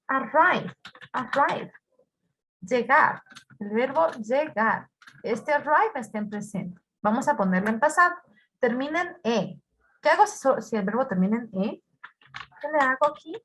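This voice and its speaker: A woman's voice: high voice, expressive, slow pace, pauses often, fairly bright tone, slight background noise. A woman teaching an English grammar lesson, patiently repeating words and quizzing her students.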